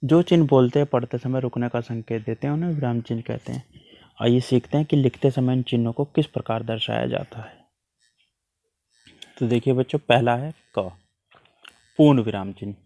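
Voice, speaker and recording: A man's voice: mid-range voice, normal speed, gravelly, long pauses, mellow, dry recording. A man teaching a worksheet lesson to children, patiently explaining with repeated examples.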